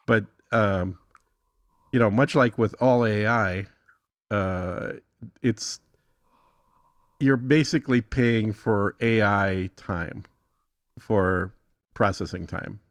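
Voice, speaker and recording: A man with a lowish voice, recorded dry, appears as a guest demonstrating an AI music tool. His tutorial is casual and conversational, and he thinks aloud in an easygoing way.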